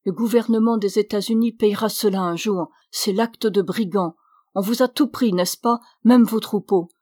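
A woman's voice: mid-range voice, steady tone, moderate pace, a little mellow, dry recording, close to an everyday voice. A stern, outspoken old priest raises his voice in severe, indignant bursts, as a woman reads him in an audiobook. The sound is close and dry, with no room around it. He talks in a plain, everyday register.

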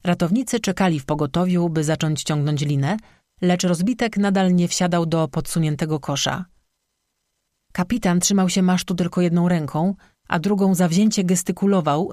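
An audiobook narrator reading a legend in a steady, measured scripted narration. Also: medium pitch, no echo, studio quality.

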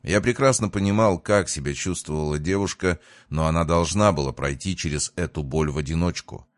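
Male narrator, low and measured, dry studio read, first-person audiobook. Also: no room sound.

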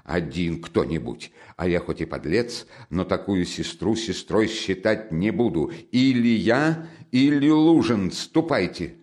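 A man's voice: deep voice, animated, measured pace, few pauses, darkish tone. A man voicing a feverish, irritable young man in a spoken storybook, strained and insistent.

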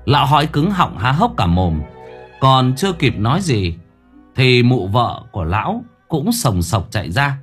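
A man's voice: mid-range voice, sing-song, measured pace, breathy edge, soft background music. A man narrating a comic audio story playfully.

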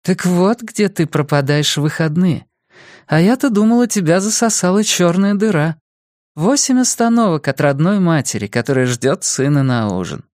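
A man putting on a shrill, fretting mother. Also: lively intonation, darkish tone, no room sound, studio quality, natural voice. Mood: reproachful. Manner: shrill, emotional, quick to exclaim. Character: worried, scolding middle-aged mother. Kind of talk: audiobook character voice.

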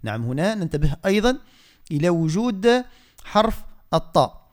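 A man teaching Quran recitation on the radio, explaining softly and then chanting verses slowly. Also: high voice, big pitch swings. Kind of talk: tajweed lesson with chanted recitation. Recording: radio studio.

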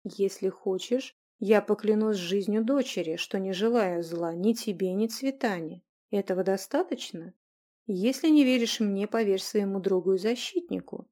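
A stern noblewoman, voiced by a woman reading aloud, calm and icy. She speaks in measured, cutting phrases. Quiet authority in a storybook telling. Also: medium pitch, lightly acted. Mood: cool.

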